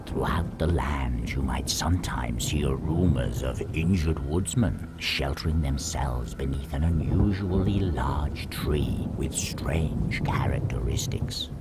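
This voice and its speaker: A man narrating a dark folk-tale game as a solemn storyteller, in a hushed, measured, gravelly voice. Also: very noisy, heavily acted. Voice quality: very deep gravelly voice. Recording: music behind the voice.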